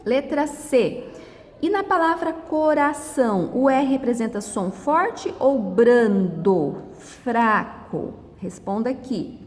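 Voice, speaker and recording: A woman's voice: on the high side, animated, long reverb tail. A middle-aged woman from Brazil, teaching a step-by-step lesson and patiently drawing out words one by one. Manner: patient, drawn-out word-by-word explanations. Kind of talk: step-by-step classroom lesson walkthrough.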